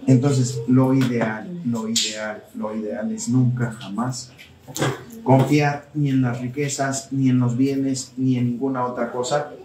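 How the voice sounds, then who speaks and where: Standing away from the mic in an echoey room, a man teaching a Torah study talk preaches to a live audience, asking them to answer and repeating phrases for emphasis. His voice is medium-pitched, steady and slow, with background noise in the mix.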